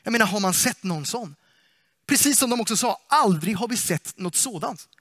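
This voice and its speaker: Male preacher, high bright voice, lively and playful, dry close sound. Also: dry recording. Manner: lively, playful, asks the congregation questions. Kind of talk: sermon. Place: church.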